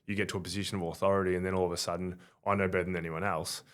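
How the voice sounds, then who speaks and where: An Australian man, a podcast guest, telling relaxed work anecdotes in a casual, conversational way. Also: deep voice, rapid-fire. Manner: relaxed, anecdotal, with frequent "like" and "sort of".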